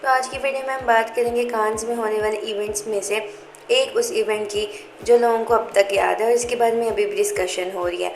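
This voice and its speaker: A woman's voice: a little high, steady tone, a little fast, a little hiss or hum. Chatty woman narrating gossip in an echoey room. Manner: chatty, reads viewer comments aloud, mixes English into Hindi. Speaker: celebrity gossip channel host.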